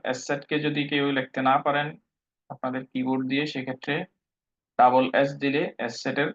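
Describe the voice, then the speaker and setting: A man teaching a live online language class, patiently explaining pronunciation step by step and mixing in English words. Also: medium pitch. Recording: dull lo-fi online call audio.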